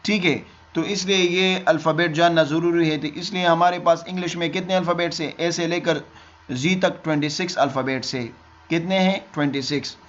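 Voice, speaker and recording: A man's voice: fairly high pitch, fairly even intonation, a bit bright. A man teaching a beginners' lesson, explaining step by step and answering his own questions. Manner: asks questions and answers them himself, repeats key words. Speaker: English teacher. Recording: dull lo-fi recording.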